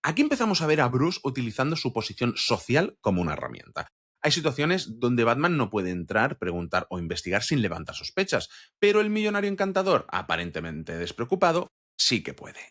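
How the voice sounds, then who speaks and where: A man hosting a series review show, delivering a scripted review with emphatic, animated phrasing. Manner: animated, emphatic delivery with lively swings in pitch.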